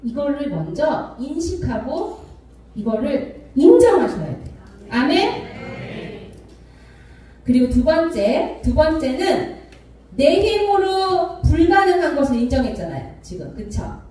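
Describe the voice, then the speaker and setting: A woman pastor preaching a sermon, calling for amens and acting out arguing couples in sudden high voices. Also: sing-song, unhurried, long pauses, dark tone, a little hiss or hum. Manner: call-and-response preaching, acting out quarrels. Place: church sanctuary. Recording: echoey church hall, mic at a distance.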